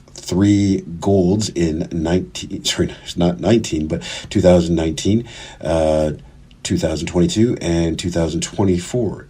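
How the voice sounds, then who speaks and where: A podcast host reads an introduction and conducts an interview in a low, slightly mellow voice with a breathy edge. He sounds hesitant, using many fillers and correcting himself often.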